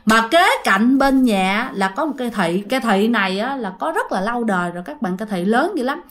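A Southern Vietnamese woman runs a channel where she casually retells ghost stories, chatting straight to her listeners and leaning heavily on sentence-final particles. Her voice is fairly high, animated, and fairly quick.

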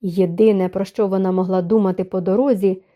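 A woman reading a novel aloud as an audiobook narrator, in a calm, even storytelling manner. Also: medium pitch, fast talker, dull audio. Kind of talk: scripted narration.

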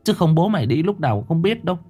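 A man's voice: fairly high pitch, very animated, very fast, dark tone, voice pushed up. A man voicing a worried older wife who gives plain, urgent instructions. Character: worried older wife watching her sick husband.

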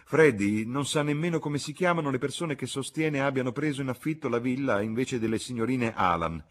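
A man voicing a poised young woman who speaks in a measured, subdued and slightly tart way. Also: mid-range voice, lively intonation, voice pushed up, lightly acted.

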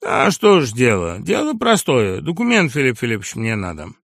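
A man's voice: medium pitch, wildly swooping pitch, normal speed, fairly bright tone, no room sound, studio quality, heavily acted. A male audiobook reader voicing a crude, brash young man newly made from a dog, mocking, aggrieved and insistent. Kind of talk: audiobook character reading.

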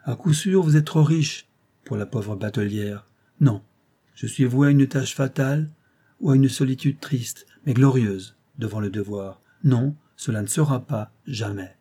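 A man's voice: medium pitch, unhurried, dark tone, breathy edge. A man reading the part of a proud, melancholy young Venetian boatwoman, with a grave, solemn delivery.

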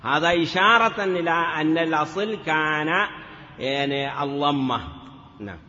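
A man's voice: fairly high pitch, normal speed, bright, forceful tone. A male teacher giving a grammar lesson, chanting word forms in a sing-song drill and often saying "yes" between steps. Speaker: teacher of Arabic morphology. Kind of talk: classroom lecture. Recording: dull lo-fi recording with long reverb.

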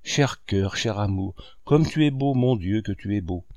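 A man's voice: on the low side, lively intonation, unhurried, a little mellow, no room sound. Male reader doing a tearful, imploring lovesick wife in an audiobook; dry booth sound. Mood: adoring, imploring. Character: desperate lovesick married woman, pleading. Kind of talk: audiobook character reading.

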